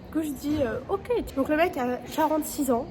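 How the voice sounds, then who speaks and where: Young woman, high voice, blunt slangy vlog chat, faint background noise. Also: brisk, a little mellow. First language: French. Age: 20s. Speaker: student vlogger.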